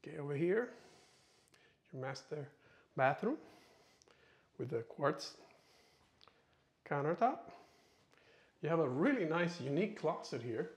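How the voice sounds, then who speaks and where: A real estate agent walks indoors through an empty new house, giving a casual tour with informal sales patter and frequent "okay" tags. His voice is on the high side, swings widely in pitch, and stays unhurried with frequent pauses, echoing off the bare walls.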